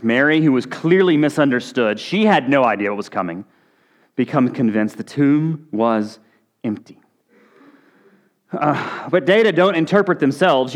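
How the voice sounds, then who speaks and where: A man preaching a conversational sermon, now and then acting out short quotes. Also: mid-range voice. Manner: conversational, with brief acted-out quotes. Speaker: pastor.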